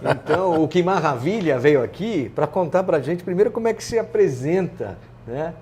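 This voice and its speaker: A man's voice: fairly high pitch, animated, moderate pace, a little mellow, a little hiss or hum. A man hosting a casual interview, full of joking banter. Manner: jokey, laughing banter. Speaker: host.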